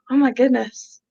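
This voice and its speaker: A woman chatting casually, quick to laugh and joke at her own expense. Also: high voice, creaky, dull audio. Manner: chatty, laughing, self-deprecating. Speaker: co-host. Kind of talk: casual chat.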